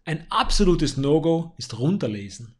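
A man with a somewhat high-pitched voice coaches the listener on public speaking. He speaks to the listener directly in a steady, advisory way, like an experienced stage presenter. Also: moderate pace. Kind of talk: instructional monologue with tips.

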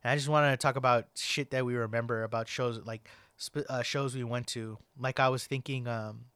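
A man's voice: mid-range voice, steady tone, brisk, fairly bright tone, clear, resonant tone, dry recording, clean studio sound. A young man hosting a podcast, chatting casually and rambling with lots of "like" and "man". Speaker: podcast host. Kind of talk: casual chat.

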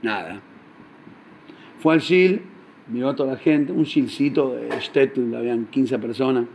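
A man with a Rioplatense Spanish accent teaching in a storytelling sermon, animated and acting out the characters. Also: mid-range voice, unhurried, a little hiss or hum.

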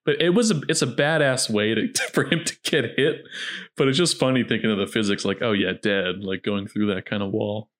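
A man's voice: lowish voice, a little fast, fairly bright tone. Jokey man hosting casual film commentary. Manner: jokey, conversational. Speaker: podcast host.

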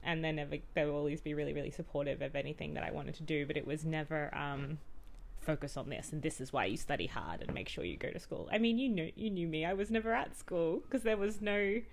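A woman in her late twenties chatting casually on a podcast, hesitant with many pauses and restarts. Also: sits low, gravelly. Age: 20s. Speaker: podcast co-host. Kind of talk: casual chat.

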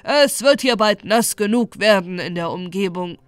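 A woman voicing a chorus of croaking frogs that shout together in a storybook. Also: mid-range voice, animated, normal speed, dry recording, lightly acted. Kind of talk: storybook reading.

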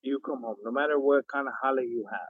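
A man's voice: mid-range voice, fairly even intonation, quick pace. A man in easy podcast banter, restarting sentences over and over and chuckling as he goes. His voice comes through muffled and dull, as if heard through a wall. The room around him is dry, with no echo. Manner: rambling, stammering restarts, frequent chuckles. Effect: muffled, dull sound, as if heard through a wall. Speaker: podcast co-host. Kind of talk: casual podcast chat.

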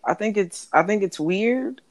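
Slow, mid-pitched casual talker, lots of restarts and some swearing. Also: expressive. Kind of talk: casual chat.

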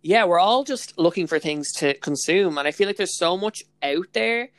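A woman's voice: fairly low pitch, lively intonation, normal speed. Bubbly young Irish woman chatting away. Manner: bubbly, gushing, heavy use of "like" and "literally". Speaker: podcast co-host. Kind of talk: casual chat.

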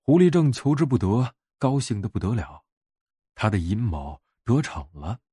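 A man reading a bedtime fairy tale for grown-ups, gentle and unhurried. His voice is husky, with a lively pitch that rises and falls, recorded close and dry. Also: no echo. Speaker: bedtime story narrator. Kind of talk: soothing bedtime story narration.

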